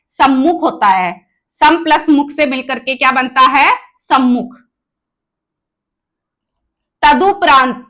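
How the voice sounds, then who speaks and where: Female Hindi grammar tutor with a Rajasthani accent, high voice, unhurried, works through exam options and quizzes the class herself. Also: fairly bright tone. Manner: asks the class questions and answers them herself; spells out words slowly, option by option. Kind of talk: exam-prep lesson.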